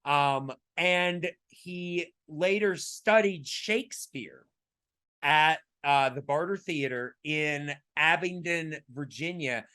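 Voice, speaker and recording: Raspy-voiced man in casual podcast chat. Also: fairly high pitch, takes it slowly. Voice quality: raspy today. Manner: animated, emphatic, many fillers and restarts. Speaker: podcast co-host.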